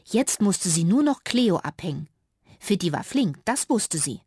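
Female narrator for a children's audiobook: expressive, slightly breathy voice, dry close recording. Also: mid-range voice, unhurried, no room sound. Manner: lively, expressive storytelling.

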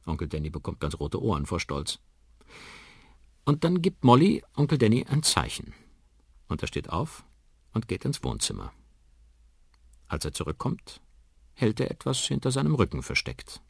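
Deep, husky male storyteller. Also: moderate pace, pauses often, dry recording, clean studio sound. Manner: expressive, vivid storytelling. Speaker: narrator. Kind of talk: children's audiobook reading.

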